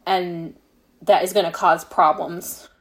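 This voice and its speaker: Speaking slowly in a fairly low, steady voice, this guest author chats casually on a podcast interview. She explains her ideas tentatively, working them out aloud as she goes.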